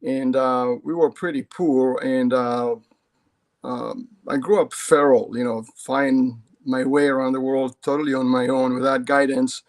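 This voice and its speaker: A middle-aged man from Israel, a ceramic artist guest, telling his life story over a video call in a halting way. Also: mid-range voice, fairly even intonation. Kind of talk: casual storytelling in an interview.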